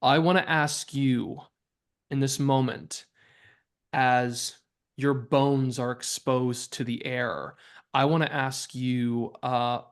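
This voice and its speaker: A man's voice: medium pitch, creaky. A man narrating as game master for a tabletop game, hesitant and full of fillers. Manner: hesitant, many ums and uhs, laughs easily.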